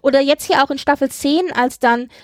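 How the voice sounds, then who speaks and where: On this podcast, the female host reviews a TV series conversationally, breaking it down point by point in an analytical way. She sounds high-pitched and brisk with a darkish tone, captured in a dry, studio-quality recording.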